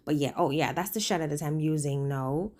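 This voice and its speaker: A makeup vlogger who also works as a makeup artist talks casually through a tutorial in a low-pitched, slightly mellow voice while speaking with a swollen lip. She's chatty and brisk, wanders into little asides, and leans heavily on her favourite words for emphasis.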